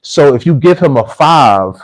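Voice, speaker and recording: His voice a little high and expressive, an American man hosts a relaxed livestream at a measured pace, telling stories to viewers and repeating phrases for emphasis. He is a livestream host and repatriation coach, heard on a low-quality recording.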